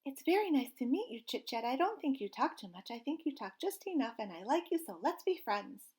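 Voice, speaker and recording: A small boy gosling from a storybook, squeaky and earnest, greeting everyone politely, as a woman acts him out. His voice rides very high with a lively lilt. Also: a little fast.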